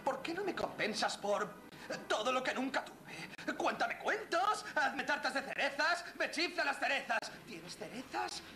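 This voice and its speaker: A man's voice: very high-pitched, big pitch swings, unhurried, faint music behind, heavily acted. An actor playing an unhinged, menacing young man, childish and bitter, taunting and insistent in a dub. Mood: demanding, childish. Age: young adult. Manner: taunting, insistent repetition, swinging from soft to loud. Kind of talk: dubbed TV thriller acting. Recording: noisy old TV film soundtrack.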